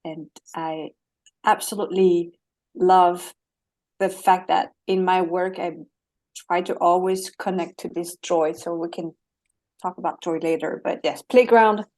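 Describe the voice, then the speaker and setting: A woman with a French accent talks as a guest coach in a slightly low voice. She is earnest and animated. She laughs easily between her points. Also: a little slow. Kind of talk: interview conversation.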